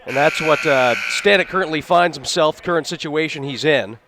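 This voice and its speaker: A man adds color commentary to a basketball broadcast from his arena seat. His voice sits high. He tosses in joking, self-deprecating asides. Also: normal speed, noisy background.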